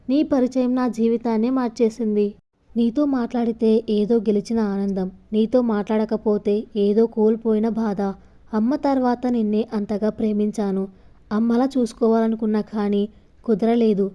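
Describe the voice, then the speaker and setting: Woman doing a young man, devoted lover, earnest pleading, tender, mellow tone. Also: fairly high pitch, dull audio, natural voice.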